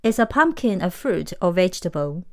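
Low, smooth-voiced woman teaching English. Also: sing-song, moderate pace, a little mellow. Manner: clear explanatory, switching into careful English examples. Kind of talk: podcast language lesson.

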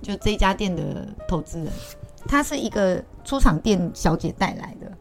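A woman's voice: mid-range voice, lively intonation, moderate pace, gravelly. Taiwanese woman, 30s, bar-owner guest, talkative storyteller; faint background music. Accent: Taiwanese Mandarin. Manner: chatty, laughs often, acts out quoted people. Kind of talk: casual storytelling chat.

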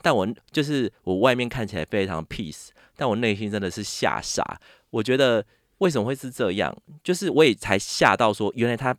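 Speaking with a Taiwanese Mandarin accent, a male podcast guest tells a story during a casual chat, talking a little fast. He's animated and acts out other people's lines with sudden pitch jumps, in a clean studio recording with no echo.

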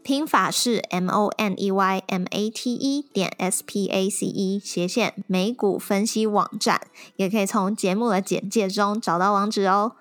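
A woman's voice: medium pitch, fairly quick. Laughing young woman telling a story. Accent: Taiwanese Mandarin. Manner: lively storytelling, often laughing. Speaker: podcast co-host. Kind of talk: casual chat.

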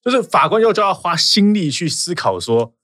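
A man with a Taiwanese Mandarin accent, a lawyer explaining legal cases in casual podcast chat, animated and quick with examples. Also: high-pitched, no echo, studio quality.

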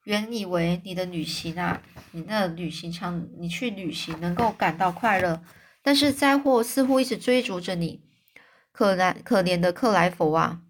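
A woman's voice: on the low side, normal speed, natural voice. A woman voicing a sorrowful older father in a storybook reading, speaking tenderly to his son.

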